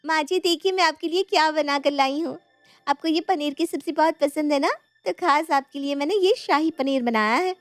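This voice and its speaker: A woman voicing a sly, flattering young daughter-in-law in a dubbed storybook cartoon. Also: high-pitched, normal speed, no room sound, soft background music, natural voice. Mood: sweet. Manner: sweet-talking, scheming.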